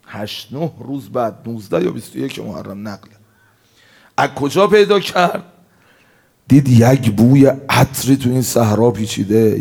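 A man preaching a religious sermon in an impassioned way, rising to emphatic outbursts and dropping low again. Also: creaky, mellow, husky.

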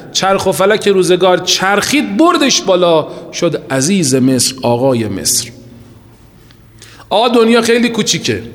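A man preaching an impassioned religious sermon. He swings from rising, fervent cries to slow, hushed lines and recites scripture. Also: a little high. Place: large holy shrine hall. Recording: long hall reverb.

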